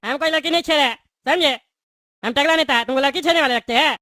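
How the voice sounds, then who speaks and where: Woman as bald cartoon politician man: boastful, cowardly, quick and shrill, dry sound. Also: bright, forceful tone, no room sound. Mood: blustering. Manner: whiny, blustering then grovelling. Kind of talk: cartoon voice acting.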